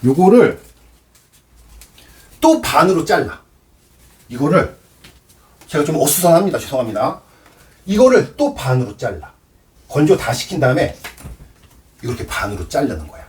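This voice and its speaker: A man's voice: a little high, very animated, normal speed, pauses often, darkish tone, far from the mic. A man giving a cello lesson, explaining with props and counting aloud. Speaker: cello teacher. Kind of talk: demonstration lesson.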